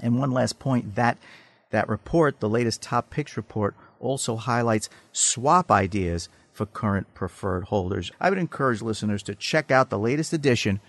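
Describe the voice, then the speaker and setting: A man giving explanatory market commentary as a guest analyst, technical and measured, with some hesitancy. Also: medium pitch, a bit bright, dry recording. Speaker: financial research analyst guest. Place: studio.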